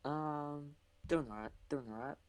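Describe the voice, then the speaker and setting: Teen boy, relaxed guest, short easygoing answers. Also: a little high, unhurried, clean tone. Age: teens. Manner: laid-back, brief answers. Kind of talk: casual chat.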